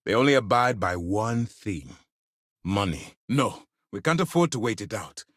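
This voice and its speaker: Casting: a principled, stern sci-fi game fleet commander. Low voice, highly dynamic intonation, formal and authoritative, dry close sound. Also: male voice, lively intonation, a little slow, fairly bright tone, no echo. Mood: measured, resolute. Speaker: voice actor. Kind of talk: scripted video game character dialogue.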